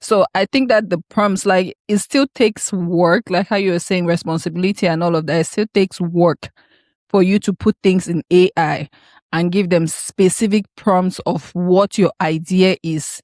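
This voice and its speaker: A woman's voice: lowish voice, steady tone, moderate pace, a little mellow, no echo. A woman co-hosting a podcast, explaining her view earnestly and circling back to her points in casual chat. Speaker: podcast co-host.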